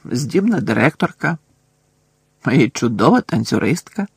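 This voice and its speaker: A man voicing a calm, wry old wizard. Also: medium pitch, measured pace, creaky, husky, dry recording, exaggerated voice.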